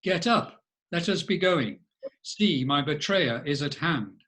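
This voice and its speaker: A man playing Jesus, a solemn and deliberate grieving teacher, in a dramatic scripture reading over a video call. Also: on the high side, expressive, fairly bright tone. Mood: grave, urgent.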